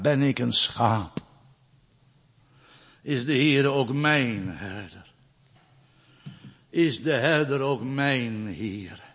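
Dutch-speaking preacher in a reverberant hall. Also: male voice, medium pitch, slightly rough. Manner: emphatic, swells loud when reciting scripture; drops to quiet storytelling asides. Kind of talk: sermon.

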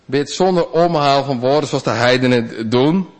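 A male pastor giving a sermon in a conversational, animated way, with big swings in pitch. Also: normal speed.

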